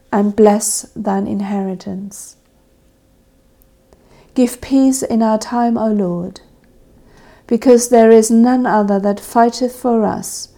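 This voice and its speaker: A woman leading a church service, reading scripture and prayers in a measured, solemn intoning manner. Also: mid-range voice, vocal fry, warm tone. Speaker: service officiant. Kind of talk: liturgical reading of evening prayer.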